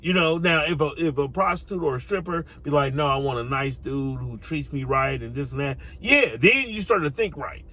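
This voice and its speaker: An American online commentator delivers an opinionated, informal monologue full of street slang, repeating phrases emphatically to hammer his points. His voice is a little high and bright with a forceful tone, at normal speed with hardly any pauses.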